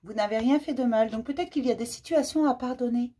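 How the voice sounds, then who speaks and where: A woman's voice: fairly high pitch, fast talker, mellow, breathy edge. A woman giving a casual spoken card reading as host, talking directly to listeners in an informal, reassuring way.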